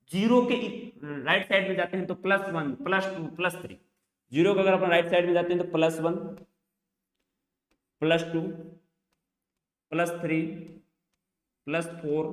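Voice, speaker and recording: Echoey male teacher drilling a lesson. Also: a little high. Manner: repetitive call-and-response questioning. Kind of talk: classroom math lesson. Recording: echoey room.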